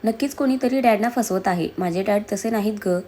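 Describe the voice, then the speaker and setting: A woman's voice: medium pitch, a little fast, mellow, close to an everyday voice. A woman reading the part of a confused, emotional young woman defending her father in a storybook reading. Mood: pleading.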